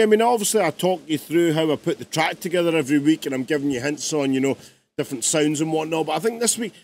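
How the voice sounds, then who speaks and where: Man, music producer, live stream tutorial, rambling casual talk, raspy fry in the voice. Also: fairly high pitch, a little hiss or hum. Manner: casual, chatty, rambling with fillers.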